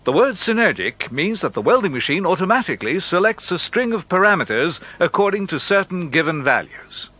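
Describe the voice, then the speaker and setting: A man narrating an industrial training film in a measured, instructive way, as a studio voice-over. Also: high-pitched, bright, forceful tone. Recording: faint music behind narration.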